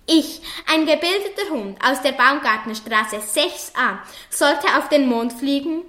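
A woman reading a children's story aloud in a lively storybook manner, recorded in an echoey room. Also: high-pitched, unhurried.

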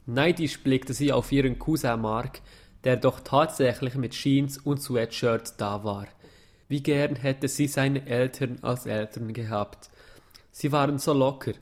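A man narrating a Christmas-time story in a calm, even reading voice. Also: medium pitch, measured pace.

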